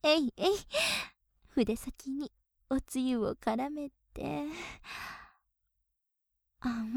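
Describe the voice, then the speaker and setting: Woman as a softly teasing young maid, whispered role-play. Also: high voice, very slow, dry recording, studio quality, full character voice. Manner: polite, softly teasing, with breathy giggles.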